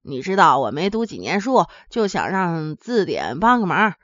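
A woman's voice: sing-song, moderate pace, a bit bright, dry recording, lo-fi sound. Woman doing a timid, stammering village husband. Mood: sheepish. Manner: low, sheepish, stammering.

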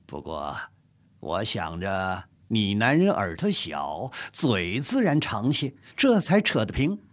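A man voicing a quick-witted, playful general who banters in a storybook. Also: lowish voice, wildly swooping pitch, exaggerated voice. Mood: teasing. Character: quick-witted teasing male general, middle-aged.

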